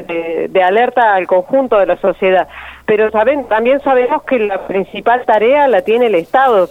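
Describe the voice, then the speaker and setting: A woman, an activist guest speaking earnestly and measured in a phone interview. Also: medium pitch. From Argentina. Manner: earnest and measured, repeating words. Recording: tinny phone line.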